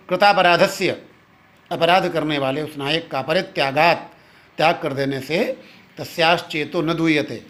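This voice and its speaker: A male Sanskrit literature teacher giving a classroom lecture, explaining step by step and chanting verses slowly, with pauses mid-sentence. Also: a little high, fairly bright tone. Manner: many fillers and restarts, pauses mid-sentence.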